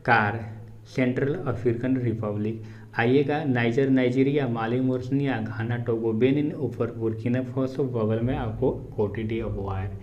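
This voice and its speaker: A man's voice: medium pitch, mellow. A man teaching geography for exams, reciting country names in drills and urging viewers to repeat after him. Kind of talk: exam-prep map lesson. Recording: echoey room, dull lo-fi sound, faint background hum.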